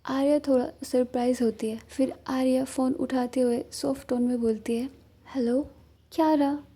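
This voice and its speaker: High-voiced woman narrating a story. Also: normal speed, slightly rough. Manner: steady descriptive reading.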